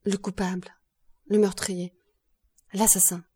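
A woman voicing a passionate, grief-stricken young man who speaks louder and faster. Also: mid-range voice, level tone, breathy edge. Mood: pleading. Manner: impassioned, louder and quicker.

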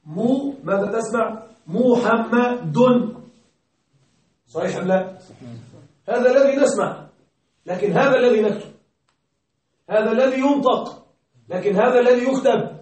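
A male grammar teacher giving a classroom lesson, questioning his students, checking that they follow and repeating key words slowly. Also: extremely high pitch, a little mellow. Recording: very echoey room, distant mic.

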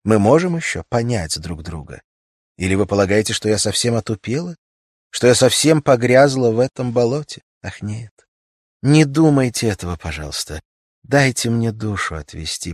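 Мужчина читает вслух и озвучивает молодую светскую женщину, которая горячо и с мольбой просит о сочувствии. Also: male voice, no room sound, studio quality. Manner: raised pitch, emotional pleading. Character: pleading young society woman.

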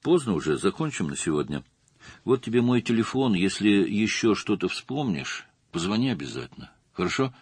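A man reading an audiobook, voicing a calm, patient male police detective who questions in a measured way. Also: fairly low pitch, husky, dry recording. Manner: measured and probing.

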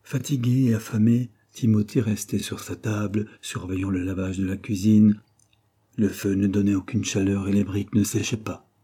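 A man reading a classic novel aloud as audiobook narration, in a steady, measured manner. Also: on the low side, slightly rough. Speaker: audiobook reader.

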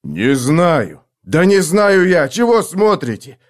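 A man's voice: lowish voice, lively intonation, takes it slowly. A man voicing a big clumsy young man who whines and defends himself. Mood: defensive shouting. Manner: whining, defensive.

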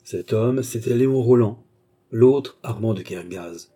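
Dark-voiced male audiobook narrator. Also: lowish voice, unhurried, slightly rough. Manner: dramatic, expressive reading. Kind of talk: audiobook reading of a novel.

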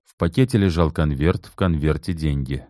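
A man reading an audiobook, lively and expressive. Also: extremely low pitch, moderate pace, no room sound, studio quality. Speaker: audiobook narrator.

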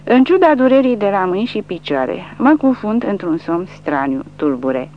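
Narrating a war novel for an audiobook, this woman uses a medium-pitched, sing-song voice and reads with dramatic emphasis. The scripted narration comes through a dull lo-fi recording carrying a faint hum.

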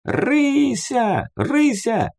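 A man voicing an eager, high young boy. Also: big pitch swings, moderate pace, slightly rough, full character voice. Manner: calling out loudly.

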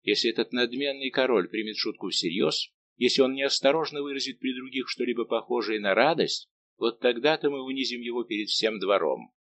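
A man's voice: mid-range voice, a little fast, fairly bright tone. A man reading as a bitter, mocking young king. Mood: cold. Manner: cold, sarcastic.

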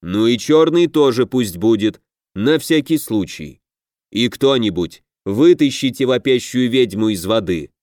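A man's voice: medium pitch, expressive, a little slow, darkish tone, no room sound, clean studio sound, natural voice. A man voicing a grand, self-important half-orc pirate who would be king in an audiobook. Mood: commanding.

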